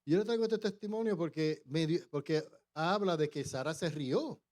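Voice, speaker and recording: A man preaching a testimony in church, telling the story with halting restarts and acted-out voices. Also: on the high side, darkish tone. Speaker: pastor. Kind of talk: testimony sermon.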